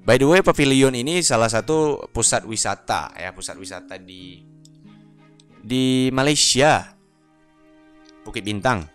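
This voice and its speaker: A man's voice: mid-range voice, animated, unhurried, pauses often, clear, resonant tone, faint music behind. A young man from Aceh, Indonesia, chatting casually and playfully as a YouTuber reacting to videos. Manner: playful, joking, slangy, chuckles often.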